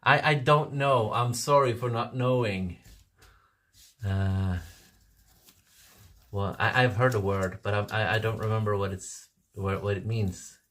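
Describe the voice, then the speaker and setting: Speaking to his livestream audience, a Norwegian host in his forties rambles along in a relaxed way, laughing and restarting his sentences often. His accented voice sits on the low side with a fairly bright tone, unhurried and full of pauses.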